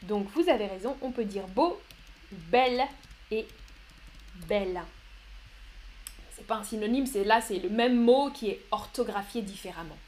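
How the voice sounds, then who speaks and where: A woman's voice: mid-range voice, lively intonation, unhurried, long pauses, darkish tone, slight background noise. A young woman teaching a live online vocabulary lesson, reading out students' chat answers and explaining them. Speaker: French teacher.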